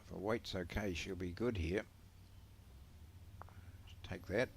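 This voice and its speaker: A man giving live sports commentary in measured, unhurried calls. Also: deep voice, gravelly, darkish tone, a little hiss or hum.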